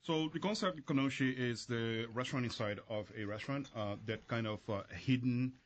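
A man from Brazil, a chef guest on a radio talk show, speaking in a relaxed, hesitant way with many fillers. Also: medium pitch, a little fast. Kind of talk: casual radio interview.

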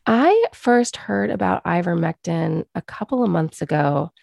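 A woman's voice: fairly low pitch, lively intonation, a little slow, vocal fry, darkish tone, no room sound, studio quality. A woman with an American accent, a journalist explaining things casually and conversationally as an interview guest.

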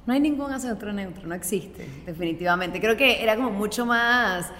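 A Venezuelan-accented woman in her late twenties talks as an interview guest, loose and chatty with plenty of filler words. Her voice sits at an ordinary middle pitch. A long reverb trails behind her. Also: a little fast, a bit bright, a little hiss or hum. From Maracaibo, Venezuela. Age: late 20s. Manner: chatty, leans on "o sea, como que" fillers. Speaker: guest, blogger. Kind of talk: casual interview chat.

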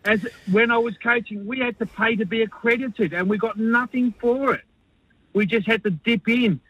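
An Australian man calls a radio show with a blunt grievance. His voice is high and sharp for a man, and the sound is very dry. He talks casually and complains plainly. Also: moderate pace, breathy edge, no echo, dull audio. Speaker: talkback radio caller. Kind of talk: casual opinionated phone-in talk.

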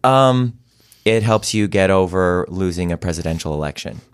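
A man from Cleveland hosts a casual podcast interview. His voice sits fairly low and he jokes wryly. The recording is dry and close, with almost no room sound. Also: animated, normal speed, clear, resonant tone, no room sound. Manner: wry, joking. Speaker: podcast host.

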